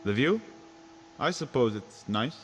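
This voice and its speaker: An actor playing a calm male adventurer who speaks in a measured, poetic way. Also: medium pitch, a little hiss or hum, close to an everyday voice.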